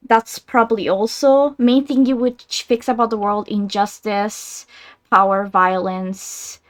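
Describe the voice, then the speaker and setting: A woman's voice: mid-range voice, steady tone, measured pace, dry recording. A young woman playing a tabletop game who thinks aloud and hesitates as she works out answers. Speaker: player.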